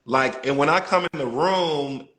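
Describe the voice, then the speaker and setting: Male guest from Chicago, animated storyteller, bright and forceful. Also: fairly high pitch, unhurried, echoey room, slight background noise. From Chicago, USA. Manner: animated storyteller, acts out voices. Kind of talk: casual conversation.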